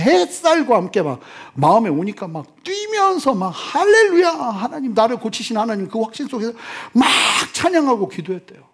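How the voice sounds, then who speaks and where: A middle-aged man preaching a sermon as pastor, swinging from loud exclamations to hushed near-whispers. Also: high-pitched.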